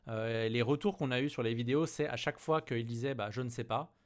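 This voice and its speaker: A man's voice: mid-range voice, brisk. A man with a French accent hosting a live stream, chatting loosely and relaying questions from the chat. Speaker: host.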